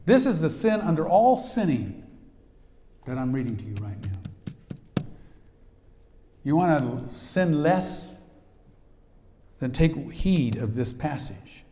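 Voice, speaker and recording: A man preaching a sermon as pastor, telling a story with lively sound effects and swings in energy. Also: a little high, slow, pauses often, a little hiss or hum. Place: church sanctuary. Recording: echoey church hall.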